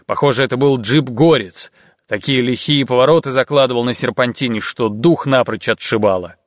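A man's voice: mid-range voice, fairly quick, no room sound. Man narrating an audiobook, dry close sound. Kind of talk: scripted narration.

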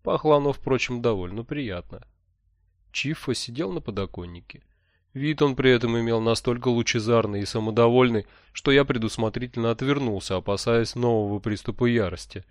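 A man reading a first-person audiobook narration in a measured, wry, even way. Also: mid-range voice, dry recording, clean studio sound.

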